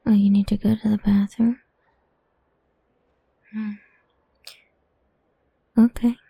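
A young woman whispering softly and teasingly in an intimate audio roleplay, humming between lines, close to the mic. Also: medium pitch, level tone, takes it slowly, vocal fry, breathy edge, no room sound, muffled recording. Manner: soft teasing whisper, murmured hums.

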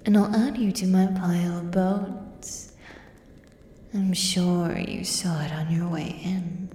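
In an ASMR role-play, a woman acts out a menacing female beast with an axe, taunting its human prey like a predatory beast-man. The delivery is very slow and the tone dark and low-lit. Long echoing reverb surrounds the voice. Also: fairly even intonation. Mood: menacing, boastful. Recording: echoey cavern-like reverb, audible background noise.

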